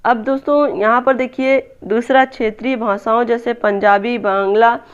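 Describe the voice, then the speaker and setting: Woman tutor going thru exam answers, kinda high smooth voice, slightly muffled lo-fi audio. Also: fairly even intonation, moderate pace. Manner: repeats "दोस्तों", asks and answers own questions. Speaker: teacher exam-prep tutor. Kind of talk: explaining exam answers step by step.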